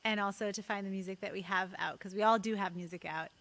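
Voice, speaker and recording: A woman's voice: medium pitch, steady tone, quick pace, a bit bright. A woman hosting a virtual songwriter round, chatting casually over a video call and giving compliments. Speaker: host.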